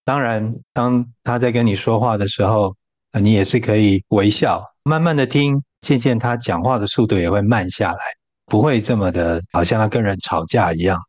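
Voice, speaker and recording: A man with a low voice offers gentle counsel on a faith talk show. He speaks calmly and evenly. The recording is dry. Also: moderate pace, no room sound.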